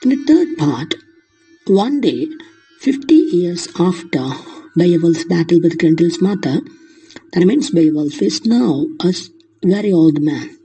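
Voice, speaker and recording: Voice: mid-range voice, big pitch swings, measured pace, mellow, husky, faint music behind, rough recording. A lecturer explaining literature in the manner of a lesson, glossing terms in simple words along the way.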